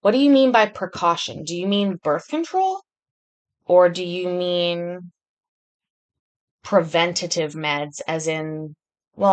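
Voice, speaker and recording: Speaking at medium pitch, a woman from Britain hosts a live stream in loose, rambling chat. She reads viewer comments aloud and responds, often saying um and starting over.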